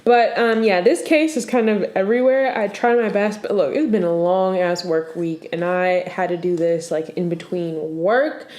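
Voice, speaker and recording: A woman's voice: on the low side, normal speed, hardly any pauses, a little mellow, reverberant. A young woman co-hosting a podcast in casual chat, blunt, slangy and joking. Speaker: podcast co-host.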